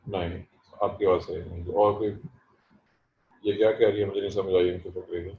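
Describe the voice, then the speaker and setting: A man teaching a botany class online, explaining terms slowly and stressing how to pronounce them. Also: low voice, level tone, echoey room, phone-quality sound, slight background noise. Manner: slow, explanatory, stresses pronunciation. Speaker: botany professor. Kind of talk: online lecture.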